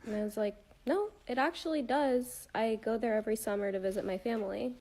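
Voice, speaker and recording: Woman with a mellow, disbelieving tone. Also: fairly high pitch, a little fast. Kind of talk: casual storytime to camera.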